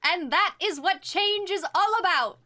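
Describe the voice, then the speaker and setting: A woman's voice: very high-pitched, measured pace, sharp tone, pitched above the performer's own voice, exaggerated voice. A woman voicing a smug, pompous male town leader in a video game, with an oily, showman-like cheer. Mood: gloating cheer.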